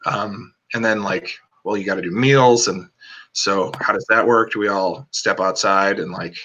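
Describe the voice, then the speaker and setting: A man's voice: on the low side, fairly even intonation, normal speed, a bit bright. A man, a cinematographer guest, talking casually on a video call, rambling with lots of "like" and "um.". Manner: rambling, many "like" and "um" fillers.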